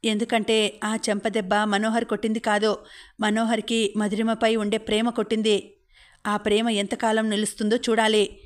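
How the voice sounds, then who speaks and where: A woman narrating a novel as an audiobook, reading in a steady, even way. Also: mid-range voice, normal speed.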